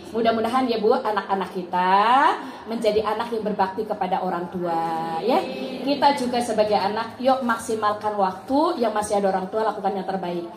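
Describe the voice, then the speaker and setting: A middle-aged woman giving a lively Islamic sermon to a women's group, telling stories, acting out dialogue and laughing often. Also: mid-range voice. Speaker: preacher at a women's study group. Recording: echoey room with faint ambience.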